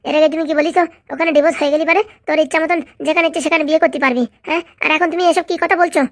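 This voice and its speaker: A woman voices a headstrong cartoon granddaughter who argues back at her grandfather. Her retorts come high and very fast, in a dry, close recording. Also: fairly even intonation, dry recording, close to an everyday voice. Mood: arguing. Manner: argumentative, rustic village speech. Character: headstrong young village granddaughter. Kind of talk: cartoon comedy dub.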